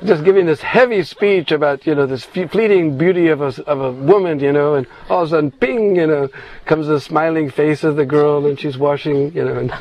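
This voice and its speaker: A man's voice: a little high, fairly quick, hardly any pauses, a little mellow, poor audio. A man telling a scripture story in an informal sermon, meandering with restarts and frequent "you know".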